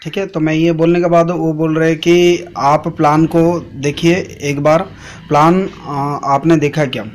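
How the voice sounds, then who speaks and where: A man's voice: on the high side, level tone, a little slow, slight background noise. A man talking casually to his viewers as a channel host. He reads out chat messages and rambles, with lots of "aa" fillers and "theek hai" tags.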